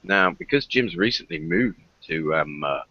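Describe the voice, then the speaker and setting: A man's voice: low-pitched, lively intonation, moderate pace, no room sound, muffled recording. A man co-hosting a podcast, musing wryly in casual chat. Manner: wry, musing.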